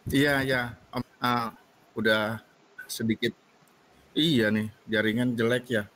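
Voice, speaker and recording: A man's voice: mid-range voice, fairly even intonation, takes it slowly, a bit bright, poor audio. A man from Central Kalimantan calling in to a live talk show over a bad connection that keeps breaking up. He hesitates and repeats short replies. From Central Kalimantan, Indonesia. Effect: choppy call over a bad connection. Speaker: caller. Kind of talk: casual call-in chat.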